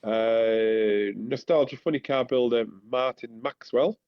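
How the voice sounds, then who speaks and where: A man with a Teesside accent, co-hosting a podcast and reading out announcements in a casual, halting way. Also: mid-range voice, no echo. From Teesside, north-east England. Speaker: podcast co-host. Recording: slightly dull lo-fi microphone.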